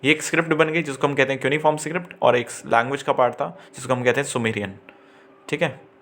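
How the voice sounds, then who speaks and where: A man teaching a class in a chatty lecture style, often pausing to check in with students and correcting himself mid-sentence. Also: mid-range voice, fairly even intonation, a bit bright. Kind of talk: exam-prep lecture.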